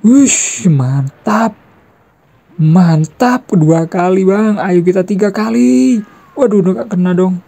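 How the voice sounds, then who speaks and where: A young adult giving excited gameplay commentary, trash-talking and shouting fight noises. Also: mid-range voice, slow, gravelly.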